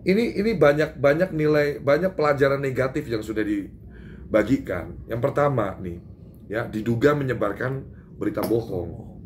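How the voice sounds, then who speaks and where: A man's voice: mid-range voice, moderate pace. An Indonesian man makes an emphatic statement to reporters, his voice rising as he drives each point home. He stumbles over fillers and restarts. A faint noise sits behind him. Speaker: public figure giving a press statement. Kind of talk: doorstop interview with reporters.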